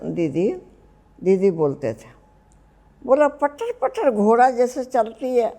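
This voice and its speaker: A woman in her seventies, a spiritual teacher, slowly telling a personal story in a reflective way. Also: medium pitch, gravelly, dark tone. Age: 70s.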